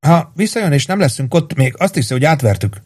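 A man voicing a nervous, hurried young male infantry soldier. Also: a little high, animated, a little mellow, husky, pitched above the performer's own voice.

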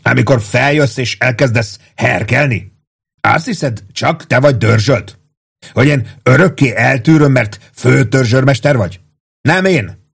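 A man voicing a touchy male army sergeant who keeps shouting in a raised, indignant voice. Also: lowish voice, slightly rough. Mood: shouting angrily.

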